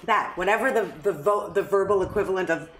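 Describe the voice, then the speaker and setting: A woman's voice: mid-range voice, fast talker, echoey room. A woman co-hosting a food and drinks show, chatting and teasing her co-host with dry humor. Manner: wry, teasing, talkative. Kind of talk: casual chat.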